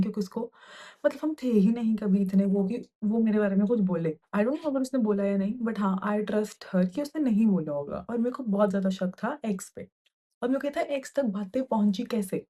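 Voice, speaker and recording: A woman's voice: medium pitch, dark tone, highs cut off. A young woman from India telling a hostel story to camera in casual Hindi, heated and indignant, slipping in English phrases. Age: young adult.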